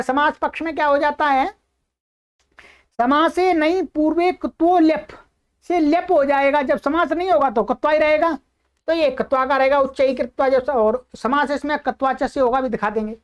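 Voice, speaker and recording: Female grammar teacher, high bright pitch, patient step-by-step explainer who reads forms slowly and repeats them. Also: steady tone, highs cut off. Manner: explains step by step, often asks and answers her own questions. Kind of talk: recorded online lesson.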